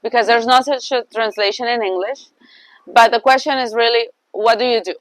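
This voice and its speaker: High-voiced bilingual woman teaching Spanish. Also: brisk, dry recording, rough recording. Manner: mixes English and Spanish, lively and laughing. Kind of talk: online Spanish class.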